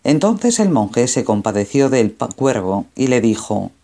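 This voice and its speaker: A man narrating a fable as a storyteller, in a calm, measured way. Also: mid-range voice.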